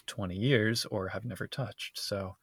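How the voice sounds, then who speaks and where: A man's voice: on the low side, steady tone, a little slow, fairly bright tone, breathy edge, no room sound. A man co-hosting a podcast in casual conversation, recorded inside a closet at home. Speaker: podcast co-host.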